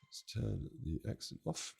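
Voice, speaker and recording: A man demonstrating music software from a home studio, his voice strained and close to giving out, chatty and self-deprecating with jokey asides. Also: a little slow. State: strained, nearly losing his voice. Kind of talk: casual product walkthrough.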